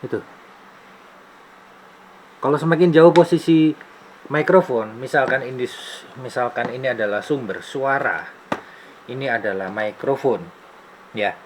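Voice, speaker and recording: A man's voice: medium pitch, measured pace, pauses often, noisy background. Chatty man in his late forties. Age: 40s. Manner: chatty, demonstrative, thinks aloud with fillers. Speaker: YouTuber reviewing camera gear. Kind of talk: casual explanatory vlog. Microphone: camera-mounted microphone close to speaker.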